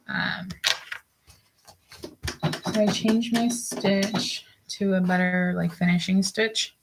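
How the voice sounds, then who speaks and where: A woman's voice: fairly low pitch, gravelly, a little hiss or hum, low-quality recording. A young woman chatting casually as she works on a sewing project, rambling with lots of fillers and out of breath. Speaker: sewing vlogger. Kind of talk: casual work-along chat.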